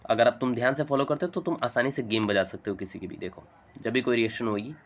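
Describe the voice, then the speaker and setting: A man teaching a chemistry lesson, talking fast and chatty, coaxing students along with frequent checks. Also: mid-range voice. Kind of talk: chalk-talk chemistry lesson.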